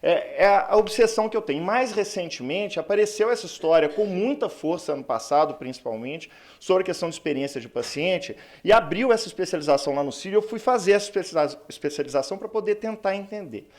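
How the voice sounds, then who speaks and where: A man's voice: high voice, animated, quick pace, few pauses, darkish tone. A man, a lawyer from Brazil, giving a chatty, self-mocking conference talk with many fillers in a conference hall.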